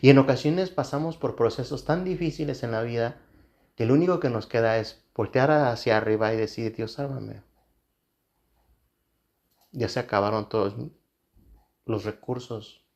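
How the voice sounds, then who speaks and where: Pastor guy preaching, earnest, keeps repeating lines, average pitch. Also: brisk, darkish tone. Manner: earnest, repeats phrases for emphasis. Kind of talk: sermon.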